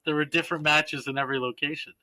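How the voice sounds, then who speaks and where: Bright-voiced rambling podcast co-host man. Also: on the high side, steady tone, quick pace, dry recording, poor audio. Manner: chatty, rambling, hedging asides. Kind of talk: casual chat.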